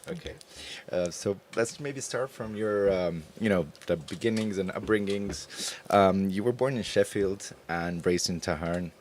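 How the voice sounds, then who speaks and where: A man with a very low voice hosts a radio interview. He asks his questions haltingly, filling the gaps with ums and you-knows. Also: darkish tone, slight background noise. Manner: hesitant, many fillers. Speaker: radio show host. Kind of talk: casual interview.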